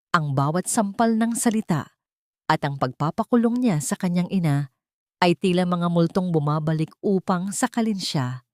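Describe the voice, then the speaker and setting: Narrating a scripted dramatic story, a woman with a Filipino accent speaks in a low, darkish voice. The audio is dry and of studio quality.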